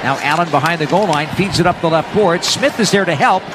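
A North American man calling live ice hockey play-by-play for radio in an energetic, descriptive running style. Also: on the high side, brisk, background noise. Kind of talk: live sports play-by-play commentary.

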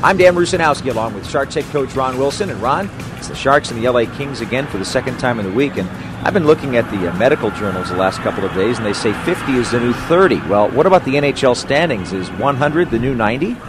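A man hosting a sports radio interview show in a smooth, polished broadcaster's delivery. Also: medium pitch, expressive, fast, music in the background.

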